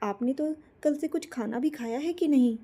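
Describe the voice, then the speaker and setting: A woman voicing a gentle, worried little boy who talks in a sweet, pleading, childlike way. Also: sits high, normal speed.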